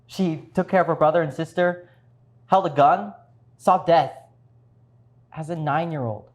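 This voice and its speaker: A man playing both parts in a one-man show, earnestly and deliberately narrating a refugee family's story on stage. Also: a little high, lightly acted. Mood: earnest, reflective. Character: grown child earnestly recounting a refugee mother's childhood.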